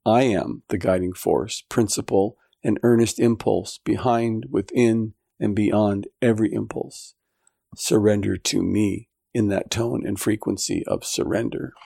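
A man reading an audiobook, voicing a solemn divine voice that issues commands in a measured, unhurried way. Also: lowish voice, fairly even intonation, vocal fry, dark tone, no room sound, studio quality. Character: solemn divine voice issuing commands, genderless spirit.

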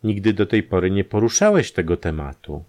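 A proud, wealthy woman with a sharp, ironic tongue, put on by a male narrator in an audiobook story. The voice is pushed up above his own low register and swings widely in pitch. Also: big pitch swings, brisk. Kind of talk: audiobook character reading.

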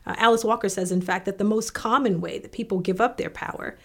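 Woman host, mid pitch, thinking out loud then asking the guest something. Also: fairly even intonation, quick pace. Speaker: podcast host. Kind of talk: casual interview.

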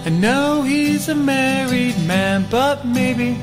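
A singer crooning a lovestruck comedy song in a breathy, dreamy way, played back from a record. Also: female voice, high-pitched, slow pace. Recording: played-back song with loud backing music.

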